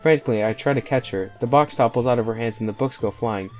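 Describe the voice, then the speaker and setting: A man hosting a gameplay video reads visual novel narration aloud, his mid-range voice moving fast over faint game music.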